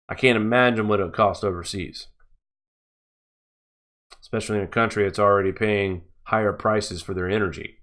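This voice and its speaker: A man's voice: on the low side, bright, forceful tone. A man hosting a live-stream news show, giving mocking, sarcastic commentary.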